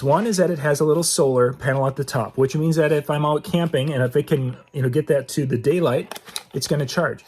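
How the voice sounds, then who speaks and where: Inside a metal building, a man with a slightly high, slightly mellow voice gives an unscripted product demo for his outdoor gear channel. He's folksy and conversational, repeating himself for emphasis, and there's a little hiss or hum on the recording.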